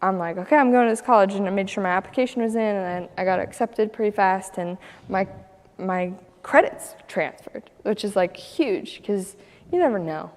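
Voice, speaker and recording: A young woman from Ohio tells her story in a relaxed, chatty way, breaking into laughs and acting out other people's lines. Her voice sits at an ordinary middle pitch. A long reverb hangs around her words. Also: moderate pace. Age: young adult. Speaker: guest telling her story. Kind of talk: casual personal storytelling.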